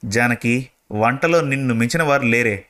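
A man's voice: mid-range voice, moderate pace, fairly bright tone, natural voice. A man voicing a retired older husband who grumbles and teases his wife sarcastically. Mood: teasing. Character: retired older husband, grumpy yet teasing.

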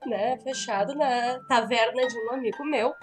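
A Brazilian woman talks through game rules with animated energy, often breaking into laughter. Her voice sits high. Music plays clearly behind her. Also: normal speed. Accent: Brazilian Portuguese. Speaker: podcast co-host, game designer. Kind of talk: casual podcast chat explaining game rules.

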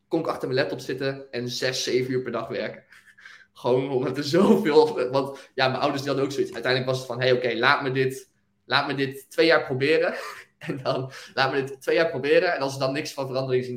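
A young man, a business owner and guest, telling his story in a casual interview with animated energy and frequent laughs. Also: mid-range voice, fairly quick, roomy sound. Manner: animated storytelling, laughs often, fillers like "weet je wel".

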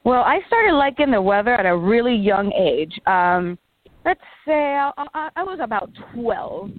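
A woman's voice: a little high, very animated, unhurried, no room sound. Panamanian-accented woman on a tinny line. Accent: Panamanian Spanish. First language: Spanish. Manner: friendly, chatty, frequent fillers and light laughs. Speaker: guest meteorologist. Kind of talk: radio interview. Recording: dry, tinny phone line.

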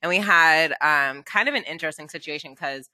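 A woman's voice: low-pitched, a little fast, bright, forceful tone, no echo. A woman talking in a casual podcast chat, chatty with lots of fillers and frequent laughs.

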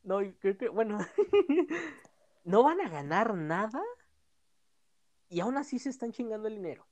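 A woman's voice: fairly high pitch, very animated, unhurried, a little mellow. A woman with a Mexican accent chatting casually, hesitant, with many fillers. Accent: Mexican Spanish. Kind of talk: casual chat.

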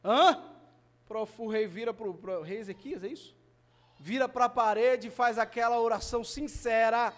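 A man with a Brazilian Portuguese accent preaching a sermon and sharing a personal testimony, his delivery swinging between hushed and fervent. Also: very high voice, normal speed. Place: family church service.

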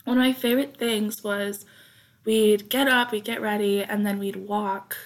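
A young woman hosting a podcast, rambling casually with many fillers, her throat dry as she talks quietly. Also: mid-range voice, fairly even intonation, moderate pace. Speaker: podcast host.

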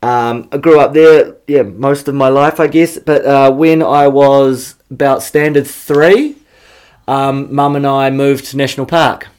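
A man's voice: medium pitch, steady tone, unhurried, darkish tone, clear, resonant tone. Laid-back New Zealand man, slangy chat. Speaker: snowboarder guest. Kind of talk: casual interview chat.

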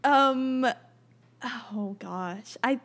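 A teenage girl close to graduating, joining a casual film chat. Her voice sits fairly high. She giggles and hedges, often trailing off mid-thought. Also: drawn-out words, a bit bright. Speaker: high school student guest. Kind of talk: casual chat about a movie.

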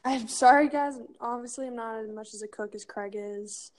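A woman's voice: a little high, moderate pace. A young adult woman co-hosting a casual podcast from her kitchen, chatty and slangy, saying "like" often. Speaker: podcast co-host. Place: kitchen at home.

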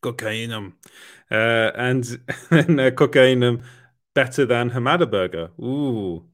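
A man's voice: mid-range voice, a little slow, no echo, clean studio sound. A man hosting a casual live stream, reading chat comments aloud with lots of fillers and laughter. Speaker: livestream host reading chat.

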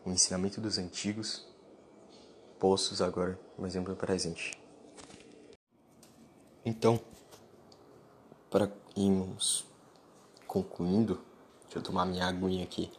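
A man's voice: low-pitched, flat delivery, a little slow, pauses often, a little hiss or hum. A man delivering a blunt, lecturing solo monologue to his podcast listeners, speaking informally and bluntly. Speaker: podcast host.

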